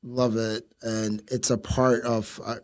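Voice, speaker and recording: A man talking casually and reflectively, halting at times and repeating words for emphasis. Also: mid-range voice, flat delivery. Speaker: co-host who preaches.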